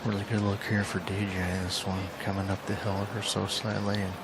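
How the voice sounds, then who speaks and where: A man's voice: lowish voice, completely flat delivery, brisk. A man giving analytical live golf commentary, reading the line of a putt. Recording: very noisy outdoor broadcast.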